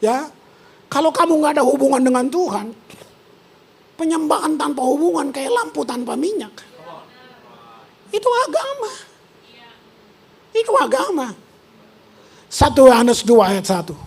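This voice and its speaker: A woman pastor, preaching a sermon in an animated, slangy way with English words mixed in. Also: high voice, normal speed.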